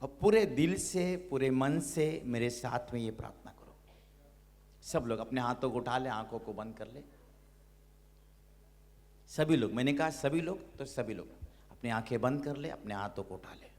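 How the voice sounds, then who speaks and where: एक पुरुष पादरी, जो उपदेश देते हुए हालेलुया दोहराते हैं और लोगों से ऊंचे, भावुक स्वर में प्रार्थना करवाते हैं।. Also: male voice, medium pitch, moderate pace. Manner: exhorting, repeats hallelujah; leads a loud impassioned prayer. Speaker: pastor. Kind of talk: sermon. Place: church hall. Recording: long reverb of a church hall.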